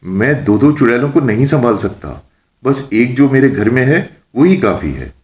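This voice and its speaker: A man voicing a timid, scrawny older male mullah who stammers in a high, nervous voice. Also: animated, a little mellow, close to an everyday voice. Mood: flustered. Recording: roomy echo.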